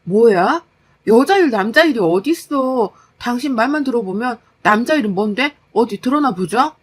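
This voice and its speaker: Woman reading a tired working wife, exasperated, scolding, a bit high. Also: animated, moderate pace, husky. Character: exhausted working wife, fed up.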